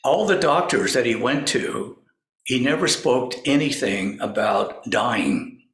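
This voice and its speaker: Male speaker, slow halting storyteller, gravelly voice, roomy echo. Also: medium pitch, lively intonation, a bit bright. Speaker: spiritual speaker. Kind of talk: storytelling talk.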